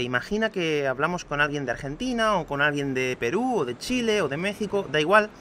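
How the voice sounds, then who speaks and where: This podcast lesson, answering student questions, comes from a man from Andalusia with a light Spain Spanish accent, who explains patiently and speaks straight to the listener. Recorded outdoors on his home terrace with slight background noise, his voice is a little high and a bit bright.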